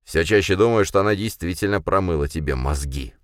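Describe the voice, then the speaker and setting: A man's voice: low voice, dry recording, clean studio sound, lightly acted. A male narrator voicing an agitated young man who snaps and hisses sarcastic remarks. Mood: heated. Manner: heated, sarcastic, quick to snap.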